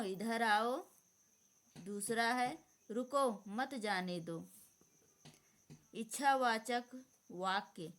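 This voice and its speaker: A woman's voice: medium pitch, a bit bright. A woman teacher giving an exam-prep grammar lesson, dictating definitions and repeating them.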